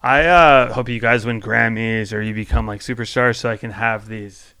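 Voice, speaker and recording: Male podcast host, medium pitch with gravel, playful teasing interviewer. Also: fairly even intonation, moderate pace, bright, forceful tone, no echo. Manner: joking, teasing, swears casually. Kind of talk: casual interview chat.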